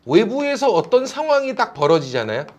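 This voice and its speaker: A male teacher lecturing a class in a lively, teasing way, often calling on students by name. His voice sits high for a man. It swings widely in pitch as he talks. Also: brisk.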